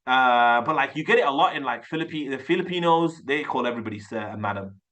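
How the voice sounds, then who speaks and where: A man's voice: medium pitch, lively intonation, fast talker, fairly bright tone. A man with an English accent coaching viewers on a casual livestream, rambling and chatty and drifting off on tangents. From England. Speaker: sales coach.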